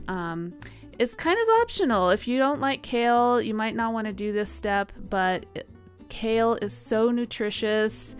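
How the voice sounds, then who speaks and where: A woman talks through a home cooking session in a relaxed, chatty voice-over, mid-pitched and easygoing. Soft guitar music plays quietly behind her. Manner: relaxed, chatty, with small laughs and fillers. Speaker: cooking channel host. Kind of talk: friendly voice-over cooking instructions.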